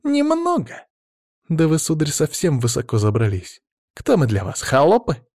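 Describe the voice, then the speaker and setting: A male reader voicing a sharp-tongued, fiery young woman in an audiobook, speaking sarcastically and scolding. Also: medium pitch, lively intonation, moderate pace, dry recording, studio quality, voice pushed up. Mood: indignant.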